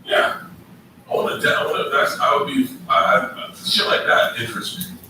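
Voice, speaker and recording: A man's voice: moderate pace, pushed and bright, very echoey, distant mic, a little hiss or hum, poor audio. A man co-hosting a casual podcast chat who stammers and throws out provocative questions.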